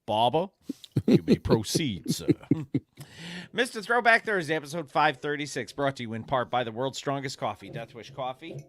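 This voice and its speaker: A podcast co-host chats loosely, laughs, and reads sponsor spots. He has a medium-pitched voice with a sharp tone and a moderate pace, and the recording is dry.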